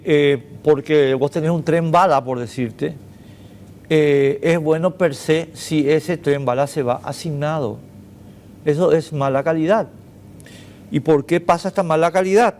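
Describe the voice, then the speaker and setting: Man, talk show host, slightly high voice, emphatic, argumentative, rhetorical questions. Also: a little mellow. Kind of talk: studio interview and debate.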